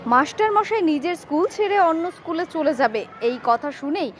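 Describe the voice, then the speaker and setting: A woman's voice: sits high, animated, normal speed, heavy background noise. A woman reading scripted news narration as a reporter.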